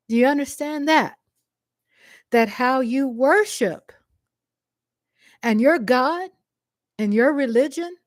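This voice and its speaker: With a high-pitched voice and a Texan accent, this woman responds to a commenter in an impassioned monologue aimed straight at her viewers. She's emphatic and repeats phrases to drive points home, recorded at studio quality with no room sound.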